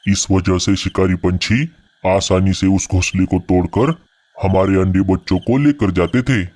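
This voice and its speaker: A man voicing a steady, reassuring father bird in a cartoon, calmly explaining plans. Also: low voice, unhurried, no room sound. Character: calm, reassuring father bird, practical provider.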